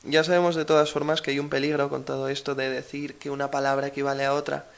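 Gravelly Spanish-accented male teacher. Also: medium pitch, flat delivery, fast talker, lo-fi sound. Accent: Spain Spanish. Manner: patient, explains with everyday examples. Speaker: language teacher co-host. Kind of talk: explanatory lesson chat.

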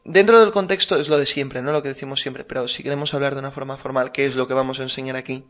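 A man teaching a language lesson, patiently drilling pronunciation slowly. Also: mid-range voice, steady tone, a bit bright, muffled recording. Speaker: Chinese teacher.

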